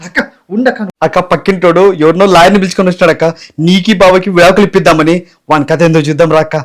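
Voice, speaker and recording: A man's voice: high voice, steady tone, racing, close to an everyday voice. A man playing a meddling younger brother in a comedy skit, speaking Telugu with a Rayalaseema accent and egging his sister on eagerly.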